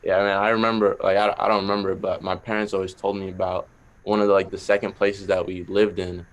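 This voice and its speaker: A young man with a Boston accent speaks in a deep, even, almost monotone voice. He is a rapper guest on a podcast and rambles through his answers, leaning on fillers. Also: quick pace. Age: young adult. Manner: laid-back, rambling with many fillers. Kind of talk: casual interview chat.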